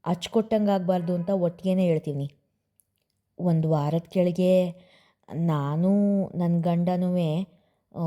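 A woman's voice: lowish voice, mellow, natural voice. A woman voicing an earnest village servant woman who speaks in rustic dialect.

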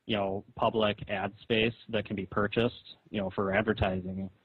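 A caller on a tinny telephone line makes his case in a hesitant but reasoning, conciliatory way during a casual argument. His fairly low voice is level and slightly rough, moving at a moderate pace.

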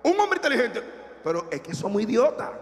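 Casting: animated male pastor with a high voice, joking sermon, long church reverb. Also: fairly quick. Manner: lively, joking, acts out scenes.

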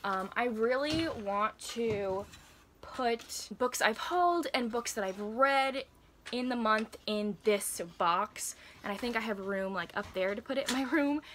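A woman's voice: a little high, unhurried, fairly bright tone, slight background noise. Giggly young woman chatting about books. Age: 20s. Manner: chatty and giggly, with frequent laughs and fillers. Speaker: book vlogger. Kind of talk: casual reading vlog chat. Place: cluttered bedroom with bookcases, indoors.

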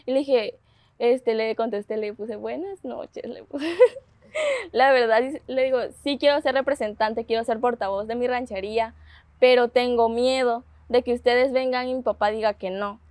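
Her voice is on the high side at a normal pace, with no room sound, as this twenties-aged pageant contestant with a Mexican accent animatedly retells events in an interview. She quotes what others said and laughs frequently.

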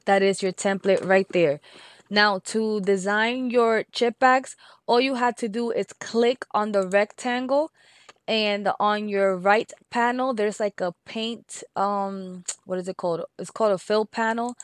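A woman with a Spanish accent talks through a software craft tutorial step by step, slowing down to repeat each number. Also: medium pitch, dry recording. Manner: patient, repeats steps and numbers slowly.

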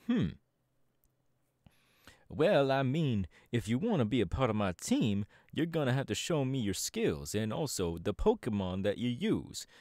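This is a man playing a swaggering young DJ who heads Team Star, bragging and addressing the listener directly in an audio roleplay. He speaks in a mid-range, sing-song, unhurried voice with a darkish tone and a boastful mood. The sound is studio quality, with no room sound.

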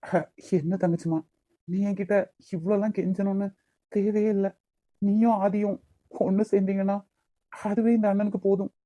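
A woman voicing a caring young man, the elder brother, in a cartoon, with a Kanyakumari Tamil accent and a gentle, consoling manner. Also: mid-range voice, flat delivery, normal speed, dry recording, dull audio, lightly acted. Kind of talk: cartoon voice acting.

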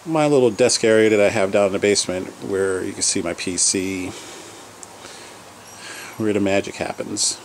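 A man's voice: on the low side, normal speed, long pauses, a little hiss or hum, low-quality recording. A man casually narrating a tour of his basement collection, listing items one by one with fillers, recorded on a handheld camera. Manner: rambling item-by-item listing with fillers. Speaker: collector giving a home tour. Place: home basement.

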